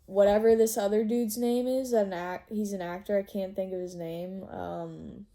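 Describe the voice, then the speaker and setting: Chatty young woman with a mellow voice. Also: medium pitch, fairly even intonation, normal speed, gravelly. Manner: chatty, filler-heavy, laughs often. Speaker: podcast co-host. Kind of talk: casual chat.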